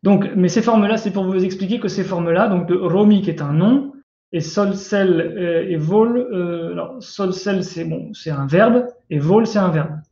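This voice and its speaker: A man with a high voice teaches grammar patiently, pausing and restarting his sentences as he explains. The recording sounds dull and lo-fi, with a roomy echo around him. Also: warm tone. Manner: patient, hesitant, many fillers and restarts. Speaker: Coptic language teacher.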